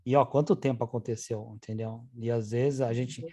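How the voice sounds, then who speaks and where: A man's voice: mid-range voice, steady tone, normal speed, mellow, breathy edge, dry recording. A man with a Brazilian accent in a Bible study discussion, speaking thoughtfully and trailing off mid-sentence. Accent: Brazilian Portuguese. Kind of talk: casual discussion.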